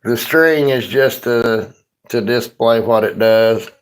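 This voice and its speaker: A man's voice: mid-range voice, slow pace. A man from Northeast Tennessee with a thick Appalachian accent, chatting casually and folksily as he hosts a livestream. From Northeast Tennessee, USA. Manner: folksy, informal rural grammar. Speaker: livestream host and woodworking maker. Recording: roomy, echoey indoor sound.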